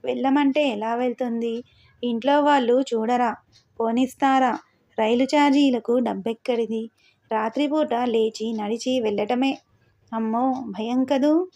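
A woman's voice: on the high side, steady tone, unhurried, mellow. A woman voicing a timid, anxious young girl in a storybook reading, asking hesitant, fearful questions.

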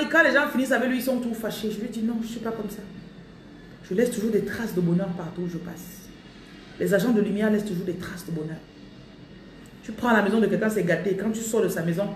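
In a live spiritual coaching talk, a woman with a mid-range, slightly mellow voice emphatically declares affirmations over her audience, repeating phrases and slipping into English. The distant mic picks up a roomy echo and slight background noise.

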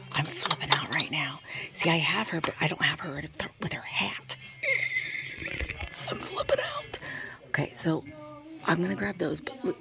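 Excitable middle-aged female vlogger, lowish gravelly voice, murmuring asides. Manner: chatty, excitable, often half-whispering to herself. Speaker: vintage shopping vlogger. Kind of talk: shop-with-me vlog narration. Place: indoor antique mall. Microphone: handheld phone camera.

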